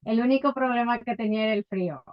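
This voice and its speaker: Unhurried woman from Ecuador, lo-fi sound. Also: a little high. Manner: thoughtful, unhurried storytelling with many fillers. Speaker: guest entrepreneur. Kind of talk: casual interview.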